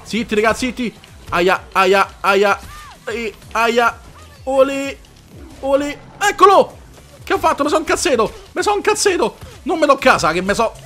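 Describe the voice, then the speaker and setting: High, bright excitable gamer man. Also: a little slow, faint music behind. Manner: excitable, swears, makes fighting sound effects. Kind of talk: gameplay commentary.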